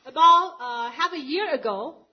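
A woman interpreting a church testimony live into English, quick and often correcting herself. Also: high-pitched, animated. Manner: quick, with frequent self-corrections. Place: church meeting. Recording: muffled lo-fi recording.

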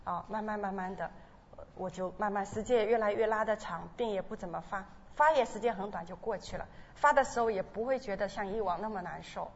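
A woman giving an earnest, emotional church testimony, often halting and restarting as she speaks. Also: mid-range voice. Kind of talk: personal testimony. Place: church hall. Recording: dull sound in a large reverberant hall with faint ambience.

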